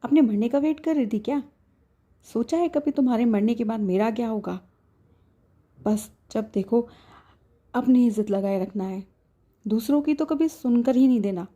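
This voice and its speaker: A woman's voice: medium pitch, fairly even intonation, normal speed, dark tone, dull audio, lightly acted. A woman storyteller voicing a young husband who scolds his wife out of worry. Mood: scolding. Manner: scolding, emotional.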